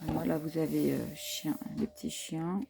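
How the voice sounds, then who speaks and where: A woman's voice: low-pitched, steady tone, a little slow, gravelly, warm tone, a little hiss or hum. A woman chatting casually to viewers while showing craft papers, with many fillers and admiring asides. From France. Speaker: craft haul vlogger. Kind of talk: casual show-and-tell chat.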